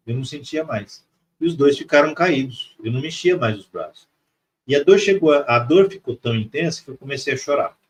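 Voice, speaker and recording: A man's voice: medium pitch, lively intonation, fairly quick. A middle-aged man from Mato Grosso telling a personal spiritual story with feeling, repeating words for emphasis. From Mato Grosso, Brazil. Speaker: guest on a spirituality live stream.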